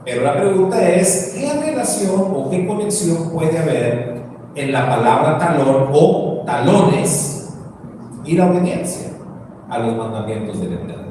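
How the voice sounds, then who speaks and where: A man with a Mexican Spanish accent, teaching a sermon slowly and asking rhetorical questions. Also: fairly high pitch, big pitch swings. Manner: slow, explanatory, asks rhetorical questions. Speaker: preacher. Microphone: distant from the mic. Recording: echoey hall, distant mic, faint noise.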